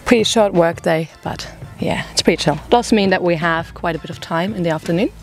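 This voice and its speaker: A woman's voice: fairly low pitch, fairly quick, creaky, faint music behind. A young woman from Germany, a native German speaker, chatting casually about volunteering with an easygoing manner and frequent chuckles. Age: young adult. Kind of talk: casual group chat.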